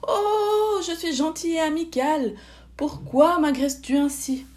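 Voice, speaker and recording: A friendly little fox with a squeaky, plaintive voice that leaps up high, as a woman reading a children's story plays it. It sounds gentle and eager to be liked. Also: animated, unhurried.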